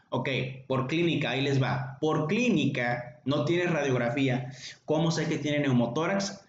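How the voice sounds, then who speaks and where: A man's voice: mid-range voice, a little hiss or hum. A man with a Mexican accent teaching a medical class, chatty and joking, calling on students by name. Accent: Mexican Spanish. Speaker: medical lecturer. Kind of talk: informal online class. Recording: echoey, dull lo-fi room recording.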